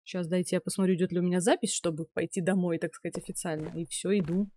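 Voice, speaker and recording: A young adult woman streams a horror game, muttering casual commentary, reacting aloud, and reading subtitles as she plays. She talks fast in a fairly low, mellow voice with fairly even intonation, and there is slight background noise.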